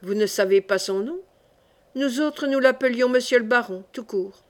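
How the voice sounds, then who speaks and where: A sleepy, suspicious young maid, read by a woman, gives curt, guarded answers. The voice sits a little high. It comes from an audiobook reading. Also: normal speed, close to an everyday voice. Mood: wary. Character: young female servant, sleepy and wary.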